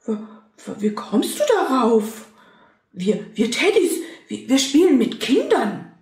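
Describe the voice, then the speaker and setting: A woman's voice: fairly high pitch, very animated, slow pace, a little mellow, pitched above the performer's own voice, exaggerated voice. A woman voicing a dismissive teddy bear who stammers, reading a storybook aloud. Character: haughty other teddy bear. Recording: roomy echo.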